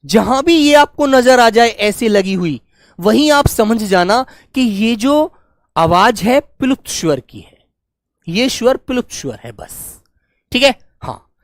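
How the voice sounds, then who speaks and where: A man's voice: very high-pitched, lively intonation, takes it slowly, no echo, clean studio sound. A man teaching an online class who keeps addressing his pupils as dear children and checks in with "okay" again and again. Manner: acts out loud calls to demonstrate.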